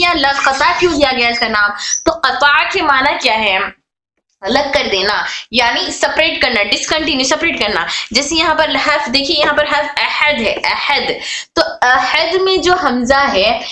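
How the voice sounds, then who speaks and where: A woman teacher with a high, bright voice explains letter rules patiently, repeating points and drawing out single sounds slowly to show them. The lesson is recorded in an echoey room.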